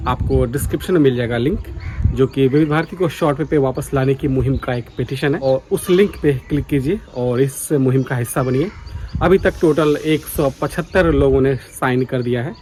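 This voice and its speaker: An Indian man who vlogs about radio speaks to his viewers in a mid-range, slightly mellow voice at a moderate pace. He's casual and earnest, slipping English words into his talk, and he's outside on a foggy morning.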